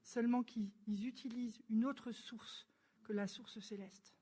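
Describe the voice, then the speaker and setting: A woman with a bright, high voice tells a personal faith story to a congregation. She is chatty and informal, with plenty of fillers. She brings the story to life by acting out the dialogue. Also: unhurried, breathy edge. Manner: lively storyteller who acts out dialogue and laughs. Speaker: church speaker giving a testimony. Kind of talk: sermon testimony, storytelling.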